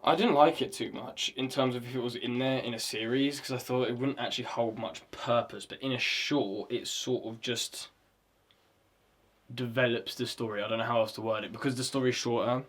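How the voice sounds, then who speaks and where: Writing a script, a vlogger talks casually at a moderate pace. His mid-range voice is a bit bright with fairly even intonation, and he rambles, curses frequently, and gropes aloud for the right word.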